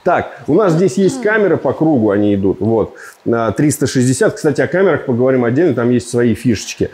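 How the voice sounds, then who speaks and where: Recorded with a lapel mic in a large indoor showroom, a man in his thirties gives a casual car review at a slightly quick pace. His medium-pitched voice carries a joking, meandering tone, and he's animated with his gestures.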